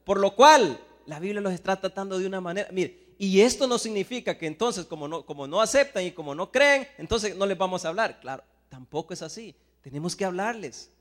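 Salvadoran preacher with a high voice. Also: male voice, lively intonation, fairly quick, few pauses, long reverb tail. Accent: Salvadoran Spanish. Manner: swings between hushed asides and loud emphatic Bible readings. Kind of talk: sermon.

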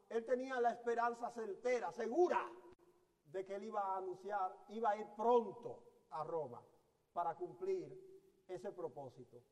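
A man preaching a sermon in a teaching manner, asking the congregation rhetorical questions and often restarting his sentences. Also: high voice. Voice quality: hesitant restarts mid-sentence. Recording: long hall reverb.

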